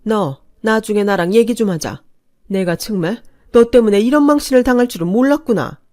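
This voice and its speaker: A woman's voice: medium pitch, a little fast, mellow, no echo, clean studio sound, voice pushed up, close to an everyday voice. Brief: cold reproachful mother-in-law, read by a woman. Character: cold middle-aged mother-in-law, disapproving.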